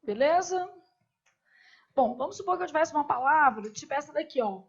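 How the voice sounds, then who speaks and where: A woman's voice: high voice, lively intonation, fairly quick, highs cut off. A woman with a Brazilian Portuguese accent teaching an online grammar lesson, asking her students questions and answering them herself.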